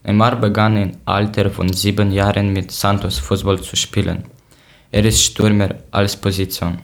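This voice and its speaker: A deep-voiced man from Ukraine, a podcast co-host whose first language isn't German, reads a prepared talk in learner German. His low voice shows little pitch movement, and he reads plainly and steadily in short sentences.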